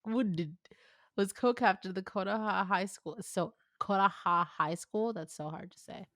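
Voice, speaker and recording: In a dry, studio-grade recording, a woman with a mid-range, slightly bright voice and moderate pace co-hosts a casual fan fiction read-aloud. Her commentary is informal and jokey, often veering off on tangents.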